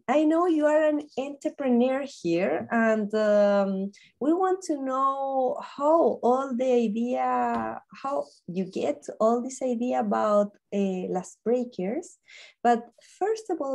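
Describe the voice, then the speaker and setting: Halting woman host, gravelly and high. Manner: halting, hesitant, many fillers. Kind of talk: interview hosting.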